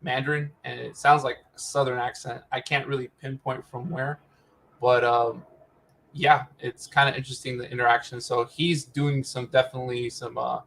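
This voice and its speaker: A man co-hosting a casual reaction chat over a video call, easygoing, with lots of fillers and quick laughs. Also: mid-range voice, level tone, gravelly, a bit bright. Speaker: co-host.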